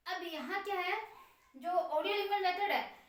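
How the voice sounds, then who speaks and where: A woman gives a classroom lecture, explaining the lesson and answering her own questions while writing on the board. Her voice is very high and her speed normal. The room is very echoey and she is far from the mic.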